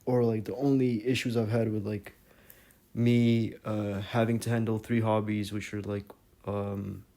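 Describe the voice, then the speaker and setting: A young man, a bit hoarse, talking casually as an interview guest, rambling with many fillers. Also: on the low side, measured pace. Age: young adult. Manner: rambling, filler-heavy, relaxed. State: slightly hoarse.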